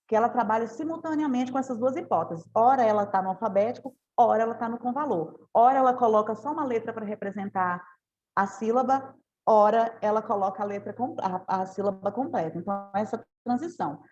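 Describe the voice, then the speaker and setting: A woman's voice: fairly high pitch, fast, darkish tone. Woman explaining, dull video-call sound. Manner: explanatory, frequent tag questions. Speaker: pedagogical trainer for teachers. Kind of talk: teacher training presentation.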